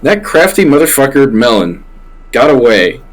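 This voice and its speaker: A man's voice: mid-range voice, big pitch swings, normal speed, poor audio. A man chatting casually with friends during a script reading, laid-back, laughing and swearing at times.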